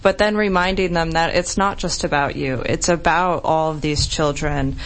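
A woman's voice: low voice, normal speed, rough recording. A woman talking as an expert interview guest, earnest and persuasive in a conversational way. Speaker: data scientist, interview guest.

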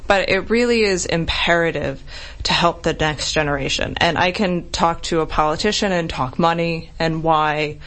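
A woman's voice: sits low, normal speed, a bit bright. A woman talking as an expert interview guest, earnest and persuasive in a conversational way. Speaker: data scientist, interview guest.

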